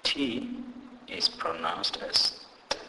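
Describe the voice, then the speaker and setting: A man teaching pronunciation in a scripted lesson, deliberately saying each example word twice. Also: low-pitched, in a large hall, very noisy. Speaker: language teacher.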